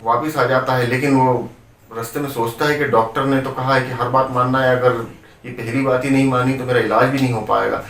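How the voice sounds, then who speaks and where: A man's voice: mid-range voice, flat delivery, brisk, a bit bright. Man, devotional storyteller, conversational, calls listeners friends, roomy echo, far from the mic. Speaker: spiritual storyteller.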